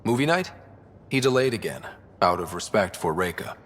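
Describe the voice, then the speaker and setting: In a video game, a man plays a sincere young space explorer, talking in a direct, relaxed, friendly way. His voice is low-pitched and a bit bright, with lively intonation at a moderate pace.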